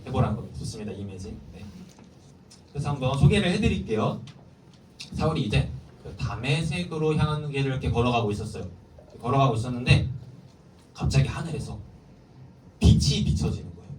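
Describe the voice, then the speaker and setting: A man's voice: medium pitch, a little fast, pauses often, a little hiss or hum. A man preaching to middle schoolers as a youth pastor, storytelling and quizzing his listeners. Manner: lively, keeps quizzing the listeners. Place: church hall. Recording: echoey hall, mic far off, faint ambience.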